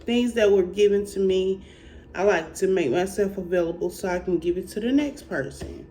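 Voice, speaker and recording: A speaker from Alabama with a country Southern accent, talking slowly and haltingly in a personal faith testimony and encouragement vlog. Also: medium pitch, warm tone, a little hiss or hum. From Alabama, United States. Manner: slow, halting country drawl. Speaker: faith vlogger.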